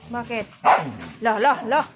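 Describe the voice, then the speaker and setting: A woman's voice: a little high, steady tone, slow pace, very noisy. A woman vlogger talking to her pet dogs in a playful, coaxing baby-talk voice. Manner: coaxing, playful sing-song calls to dogs. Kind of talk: casual baby talk to pets.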